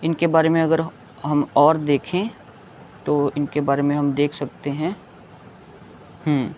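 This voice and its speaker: Pitched fairly high, a Hindi teacher speaks in a level, unhurried way. Repeating every sound with patience, he keeps checking that his listeners are following along in this slow, explanatory lesson. Faint background noise sits under the dull, lo-fi audio.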